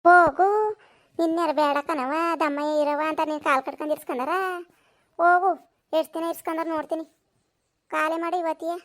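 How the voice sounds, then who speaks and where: Woman doing a shrill, scolding village mother-in-law, old and quarrelsome, comedy skit. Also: fairly even intonation, fairly quick, pauses often, lightly acted. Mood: furious. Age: older. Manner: scolding, then wailing in a high pitch. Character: nagging elderly mother-in-law, sharp-tongued and whiny.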